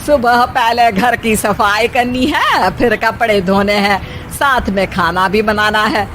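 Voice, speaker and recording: Unhurried and on the high side with a fairly bright tone, a woman portrays a cartoon mother-in-law who fusses over and scolds her daughter-in-law, wrapping up with a nagging "हैं?". There's a faint hiss or hum.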